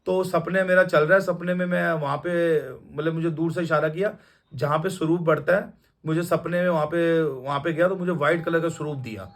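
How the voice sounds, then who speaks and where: A young man, a devotee sharing his testimony, tells a personal story in a casual, meandering fashion full of fillers and frequent restarts. His voice is slightly higher than most men's, steady in tone, and moderately paced.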